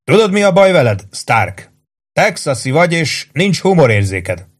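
A man's voice: on the high side, sing-song, voice pushed up. A man voicing a sly, boisterous army sergeant who mocks and needles his friend over drinks. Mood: mocking. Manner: mocking, needling.

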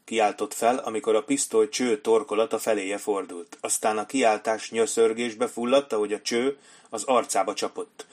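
Male audiobook narrator, lower voice, steady scripted reading.

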